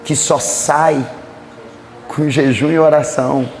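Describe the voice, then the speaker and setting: A male preacher voicing Jesus as a calm, stern teacher who rebukes his disciples in a slow, grave tone. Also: on the high side, a little hiss or hum, voice pushed down. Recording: echoey church hall with faint music.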